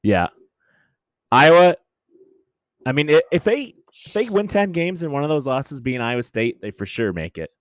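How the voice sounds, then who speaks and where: A man's voice: on the high side, big pitch swings, moderate pace, pauses often, no echo, studio quality. A man co-hosting a casual sports chat, easygoing and loose, often restarting his sentences. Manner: easygoing, hesitant restarts, laughs along. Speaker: sports podcast co-host.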